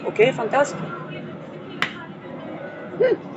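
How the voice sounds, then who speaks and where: A woman's voice: sits high, big pitch swings, takes it slowly, music in the background. A woman hosting an astrology channel who talks in a rambling, digressive way, with playful asides and frequent fillers. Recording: dull lo-fi audio with vehicle noise.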